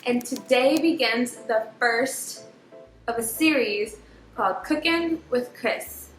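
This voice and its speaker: A woman's voice: on the high side, slow pace, echoey room, faint music behind. A young woman from Jamaica, chatting casually and jokingly as she hosts her cooking vlog. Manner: bubbly, jokey, laughs often. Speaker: cooking vlogger.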